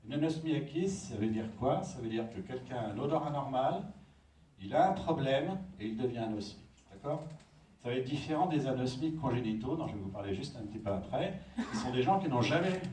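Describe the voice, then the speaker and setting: A man delivers a lecture, explaining step by step and pausing to check that his listeners follow. His voice sits at an ordinary pitch and comes from a distance in a reverberant conference room, with a faint hiss underneath. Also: lively intonation, darkish tone. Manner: explanatory, checks in with audience often. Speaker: conference speaker. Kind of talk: lecture talk. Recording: echoey hall from far off.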